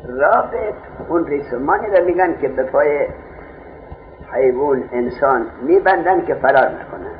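A man's voice: fairly high pitch, expressive. A man teaching a grammar class, explaining with everyday market examples and answering his own questions. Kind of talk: classroom lecture on Arabic grammar. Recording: tinny phone-like lo-fi recording, faint hiss.

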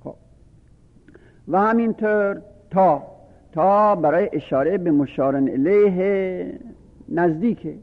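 A man's voice: sits high, pauses often. A man teaching a grammar lesson, patiently listing and drilling word forms one by one. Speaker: religious studies teacher. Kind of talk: lecture on Arabic grammar. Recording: phone-like lo-fi audio with long reverb.

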